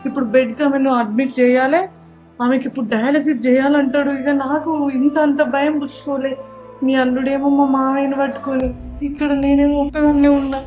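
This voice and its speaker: A woman's voice: sits high, level tone, brisk, dark tone, highs cut off, faint music behind, close to an everyday voice. An actress playing a worried daughter-in-law with a Telangana Telugu accent, urging her relatives to stay brave. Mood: anxious. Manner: urgent, pleading. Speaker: actor in a family drama.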